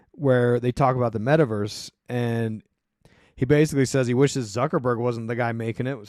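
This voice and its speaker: A man's voice: mid-range voice, a little mellow, no echo, studio quality. A man hosting his own podcast, talking casually in a rambling, irreverent way, swearing now and then. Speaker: podcast host. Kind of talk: casual monologue.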